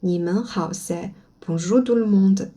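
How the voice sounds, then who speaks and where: A woman whose first language is Chinese, teaching pronunciation slowly and modeling each sound for learners to repeat. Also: mid-range voice, dark tone. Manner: slow and careful, models sounds for repetition. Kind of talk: slow spoken language lesson.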